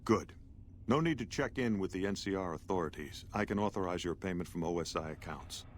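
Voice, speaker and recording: A man's voice: sits low, brisk, lightly acted. A man playing a pompous, condescending scientist in a video game, speaking formally and talking down to the listener. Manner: pompous, formal, rhetorical diction. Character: pompous, condescending male scientist, director of operations. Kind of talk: video game character dialogue. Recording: noisy game audio with background ambience.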